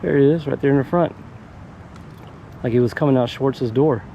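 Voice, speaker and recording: A man's voice: medium pitch, normal speed, creaky, dull audio. A man talking casually and politely as a paranormal investigator, outdoors with some faint noise behind him. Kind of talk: casual talk, addressing spirits and echoing words. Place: outdoors in a cemetery.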